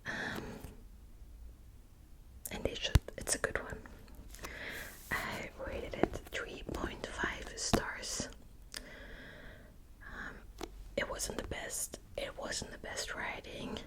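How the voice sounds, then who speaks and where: A young woman from Belgium, speaking with a Dutch accent, whispers hesitantly and softly as host of an ASMR book channel, full of little fillers. She goes very slowly with frequent pauses, captured on a rough recording.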